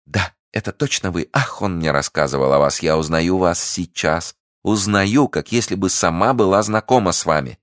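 A man voicing a scheming, manipulative French noblewoman who fakes warmth, talking in a feverish, insistent way. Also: low-pitched, normal speed, hardly any pauses, dry recording, studio quality, pitched above the performer's own voice. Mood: gushing.

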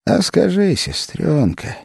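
A fervent, half-mad tsar, as a male narrator puts him on, who murmurs secrets low and then rings out in triumph. His voice climbs high and swings widely. Recorded close and dry for an audiobook. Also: wildly swooping pitch, slow, gravelly, a little mellow, slightly rough, dry recording, heavily acted. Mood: secretive whisper. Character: exalted, secretive tsar, adult man.

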